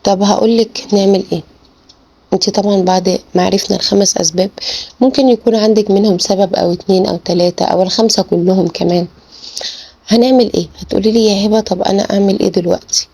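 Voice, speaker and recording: A woman's voice: medium pitch, fairly even intonation, fast, warm tone, slightly rough. A woman life coach with an Egyptian Arabic accent gives relationship advice straight to the viewer. She talks earnestly and repeats words for emphasis. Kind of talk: direct-to-camera advice talk.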